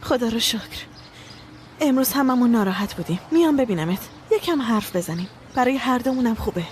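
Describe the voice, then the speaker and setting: A woman playing a gentle caller on the phone. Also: a little high, animated, slight background noise, lightly acted. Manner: relieved, gentle phone talk. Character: caring woman talking on the phone. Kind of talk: dubbed TV drama.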